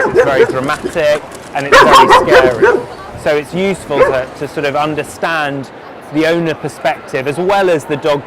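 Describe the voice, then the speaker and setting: A man who trains dogs and teaches primary school, giving an earnest, measured testimonial interview with frequent restarts. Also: a little high, background noise. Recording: clear background music.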